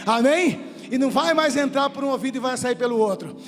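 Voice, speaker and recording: A man's voice: very high-pitched, fairly quick, fairly bright tone, long reverb tail, faint music behind. A male pastor preaching a sermon in a church, fervent and repeating his phrases with cries of praise.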